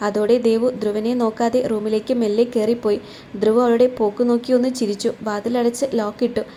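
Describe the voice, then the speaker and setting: Female storyteller for a romance story; mellow, flat, slightly high voice; faint background noise. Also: fairly quick. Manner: voices every character in her own voice. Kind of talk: scripted narration of a romance story.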